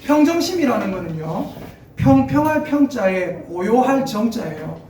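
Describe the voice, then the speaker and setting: A man's voice: very high voice, a little hiss or hum. A middle-aged male pastor preaching a sermon, telling funny stories and asking the congregation questions. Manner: lively, humorous storytelling with laughs and audience questions. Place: church sanctuary. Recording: echoey church hall from far off.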